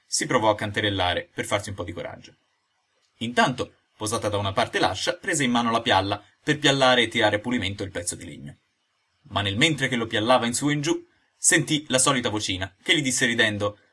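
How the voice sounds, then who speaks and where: A man reading a classic children's story aloud as an expressive audiobook narrator. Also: on the low side, slightly rough.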